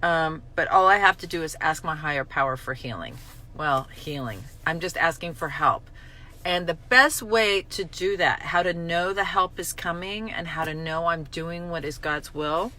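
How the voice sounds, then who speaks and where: A woman's voice: low-pitched, normal speed, bright, forceful tone. A middle-aged woman talking candidly and bluntly about recovery, self-mocking, swearing now and then, her feelings swinging as she talks. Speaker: recovery vlogger. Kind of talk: candid spoken reflection on a daily reading.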